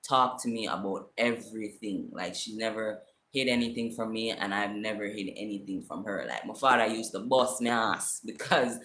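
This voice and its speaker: A young man in his twenties with a Jamaican accent, telling a personal story in a casual livestream, animated and emphatic, often asking "you see me?". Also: lowish voice, normal speed. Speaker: vlogger. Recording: echoey room.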